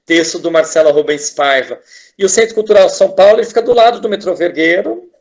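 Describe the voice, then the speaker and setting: A man's voice: high voice, expressive, fast talker. A Brazilian man, a teacher and artist, talking as a guest in a casual interview, enthusiastic and rambling with frequent restarts and tag questions.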